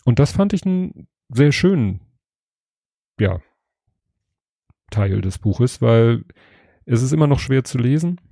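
A man reviewing a book in a thoughtful, measured way and reading passages aloud. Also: mid-range voice, expressive, creaky, dark tone, no room sound, studio quality.

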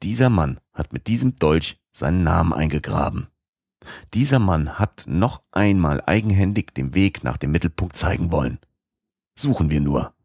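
A man voicing an elderly professor from an audiobook, stubborn and excitable, who explains things firmly. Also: sits low, normal speed, vocal fry, slightly rough, no room sound, clean studio sound, full character voice. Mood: eager. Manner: lecturing, firm.

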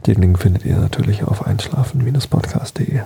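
A man reading a bedtime story aloud in a calm, soft-spoken way. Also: lowish voice, fast, creaky, slightly rough.

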